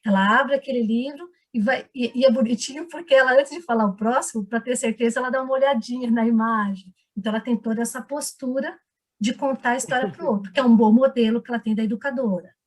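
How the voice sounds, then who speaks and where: Woman, teacher trainer, video call, slightly high voice, encouraging questions. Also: fast. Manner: encouraging, asks the group many questions. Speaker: teacher trainer leading a seminar. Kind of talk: online seminar, leading a discussion. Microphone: video call microphone.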